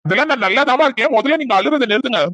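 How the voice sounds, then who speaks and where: A woman's voice: high-pitched, animated, racing, background noise. A woman voicing a cheerful young man in a cartoon who has come home from abroad and reassures his mother. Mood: reassuring.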